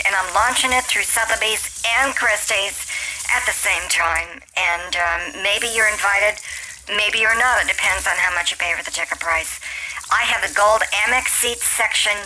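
A woman playing a vain, money-flaunting self-help huckster in an improvised comedy pitch, with an affected, boastful manner. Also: pushed and bright, low-quality recording. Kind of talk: improvised mock commercial.

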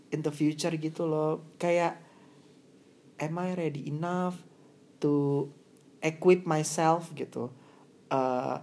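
A woman's voice: low-pitched, mellow, a little hiss or hum. A young woman talking in a casual chat, reflective and thoughtful, often slipping English phrases into her speech. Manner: reflective, mixes English into Indonesian.

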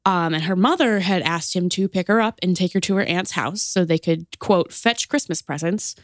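A woman's voice: lowish voice, moderate pace, dry recording. Chatty American woman, dry close sound. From United States. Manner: chatty, laughs often, many fillers. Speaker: podcast co-host. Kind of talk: casual true-crime podcast chat.

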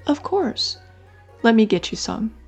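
A woman's voice: on the high side, big pitch swings, unhurried, darkish tone, slightly rough, faint music behind, full character voice. A grandmother doing a flustered grown squirrel. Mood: gentle. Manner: exclaiming, put-upon, easily flustered. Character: fussy male squirrel grumbling then softening.

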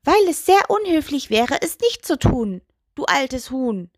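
A cheeky little talking toe from a children's storybook, voiced by a woman. He sneers and teases in a high, bouncy voice that swoops up and down, and nothing anyone says impresses him. It sounds close and dry. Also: very animated, a little slow, no echo. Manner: insulting, smug, bratty.

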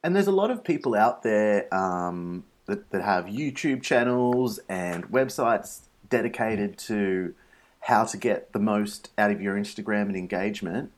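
Co-host role: Australian-accented male, lowish voice, tongue-in-cheek, casual podcast banter. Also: expressive, unhurried.

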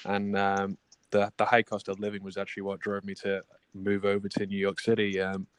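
A man from England with a Liverpool accent, talking as an interview guest in a relaxed way, often saying basically and kind of. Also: lowish voice, a little fast, smooth. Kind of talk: casual interview.

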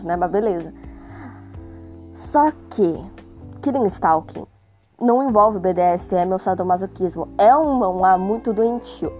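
A woman's voice: mid-range voice, dark tone. A young adult woman with a Brazilian accent and a sore, worn throat, narrating casually in a chatty, joking, self-deprecating way with exasperated asides. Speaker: host reading a magazine aloud. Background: music.

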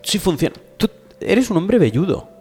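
A man's voice: high voice, sing-song, darkish tone, husky. A young man co-hosting a casual comedic podcast chat, teasing and bantering. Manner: joking, teasing, quick banter. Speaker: podcast co-host.

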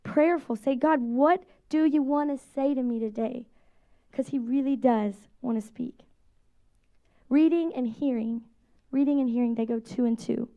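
A woman in her thirties, a pastor, giving a conversational, animated sermon to a congregation. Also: high voice, measured pace, narrow, tinny audio. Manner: conversational, animated preaching with quoted voices.

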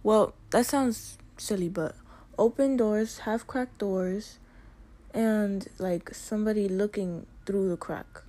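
A young woman hosts a casual chat, describing her fears and a cartoon in a chatty, vivid way. She speaks slowly in a warm, mid-range voice.

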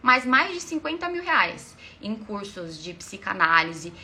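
A woman coach with a Brazilian Portuguese accent, telling a personal story to followers in a live online talk, animated and addressing them directly. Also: mid-range voice, measured pace, a little hiss or hum.

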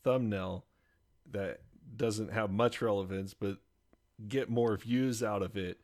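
Slow gravelly guy cracking dry jokes on a podcast. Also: on the low side, a little mellow. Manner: wry, laughing asides. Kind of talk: casual podcast chat.

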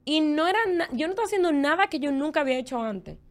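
A young adult woman with a Dominican Spanish accent, co-hosting a casual chat and telling candid, expressive stories. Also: high-pitched, fast talker. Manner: candid, expressive storytelling with lots of fillers. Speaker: podcast co-host.

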